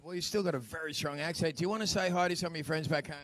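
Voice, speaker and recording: A man's voice: a little high, racing, fairly bright tone. A man presenting and interviewing live on a beach, upbeat and working up the crowd. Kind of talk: live event interviewing and announcing. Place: outdoors on a beach.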